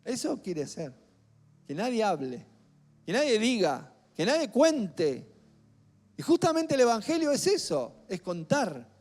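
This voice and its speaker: High-voiced Argentine pastor preaching. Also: male voice, big pitch swings, measured pace. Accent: Rioplatense Spanish. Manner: emphatic, rising to near-shouts on key phrases. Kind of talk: sermon. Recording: echoey hall with faint music.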